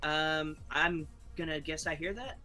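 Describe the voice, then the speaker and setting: A man playing a tabletop role-playing game, quick to jump into character. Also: a little high, steady tone, sharp tone, faint music behind. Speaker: player.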